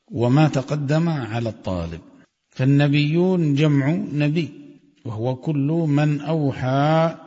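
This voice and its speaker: A man's voice: a little high, a little mellow. Man teaching a text in a reverberant hall. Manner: measured, recites quoted passages with melodic chanting. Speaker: religious teacher. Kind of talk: reading and explaining a religious text. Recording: dull audio with long hall reverb.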